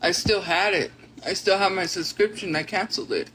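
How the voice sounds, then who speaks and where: A woman's voice: fairly low pitch, fairly quick, fairly bright tone, slight background noise. A woman streamer chatting casually with her viewers and reacting to their comments. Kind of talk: casual livestream chat.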